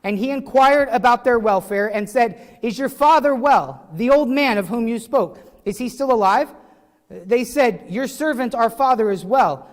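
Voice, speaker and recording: A man preaching a sermon as pastor, conversational and animated, with restarts and casual asides. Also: very high voice, moderate pace, big-room sound. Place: church sanctuary.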